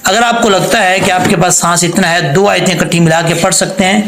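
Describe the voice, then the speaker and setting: A man teaching Quran recitation rules, spelling out letters and vowel marks and then reciting words slowly and drawn out, sometimes asking and answering his own questions. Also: high voice, fairly even intonation, a bit bright, roomy sound, poor audio. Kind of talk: tajweed lesson with slow demonstrations.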